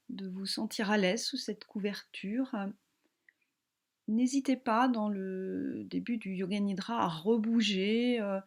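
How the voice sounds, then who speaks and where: With a medium-pitched voice, a woman who teaches yoga guides a relaxation meditation, staying soothing, gentle, and calm and pausing at length.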